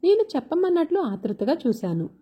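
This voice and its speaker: A woman's voice: high-pitched, very animated, a little fast, warm tone. A woman narrating a story expressively in the first person. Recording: dull lo-fi recording.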